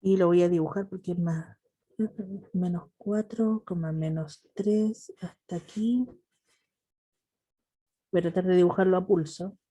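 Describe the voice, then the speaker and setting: Chilean lady teaching math on a video call, patient, mellow warm voice. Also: on the low side, a little slow, long pauses. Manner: patient, affectionate with students. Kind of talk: online class lecture.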